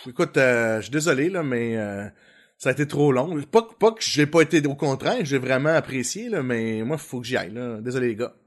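A man's voice: mid-range voice, expressive, fairly quick. A man with a Québécois accent co-hosting a casual chat, apologetic and playful. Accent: Québécois French. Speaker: podcast co-host.

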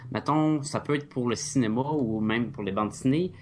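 A man's voice: mid-range voice, moderate pace, darkish tone. A man with a Québécois accent co-hosting a casual chat about comics and films, often tripping over names and joking about it. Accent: Québécois French. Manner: stumbling over names, self-mocking. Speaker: podcast co-host.

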